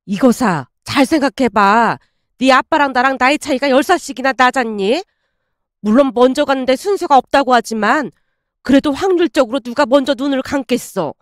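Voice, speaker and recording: A woman voicing an anxious middle-aged mother who nags and frets, in a high voice. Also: animated, normal speed, no echo, clean studio sound. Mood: worried. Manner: nagging, worried.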